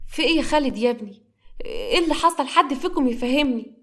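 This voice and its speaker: A woman voicing a gentle, grateful older aunt in Egyptian Arabic. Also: fairly high pitch, fast talker, natural voice. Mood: puzzled. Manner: soft, thankful.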